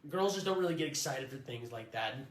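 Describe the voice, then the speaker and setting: A man's voice: medium pitch, animated, fast, reverberant, close to an everyday voice. A man playing a condescending male gamer customer, muttering and patronizing. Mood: smug.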